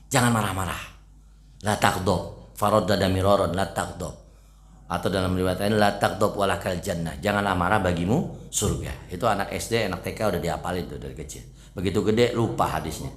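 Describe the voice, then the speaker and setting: Low-voiced chatty male preacher. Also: brisk, a little hiss or hum. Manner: chatty, keeps asking the listeners questions. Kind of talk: casual mosque study talk. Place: mosque.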